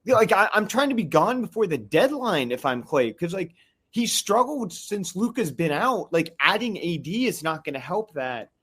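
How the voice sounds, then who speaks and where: A man's voice: high voice, sing-song, normal speed, fairly bright tone, slightly rough. A man calling into a live fan podcast, fired up and venting in rambling bursts full of restarts and fillers. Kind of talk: casual venting chat.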